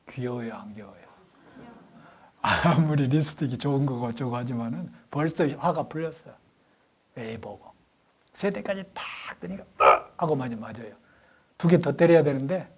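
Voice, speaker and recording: At a Bible lecture, a pastor with a slightly high, somewhat rough voice preaches a sermon, firing call-and-response questions at the congregation. He tells stories animatedly, swinging between loud and hushed.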